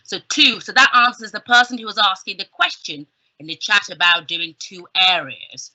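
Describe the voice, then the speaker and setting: Over a slightly dull-sounding video call from a small bookshelf-lined room, a middle-aged woman from southern England speaks at normal speed in a sharp, mid-range voice. She's a guest speaker giving a chatty, informal careers talk, with emphatic delivery and humorous asides.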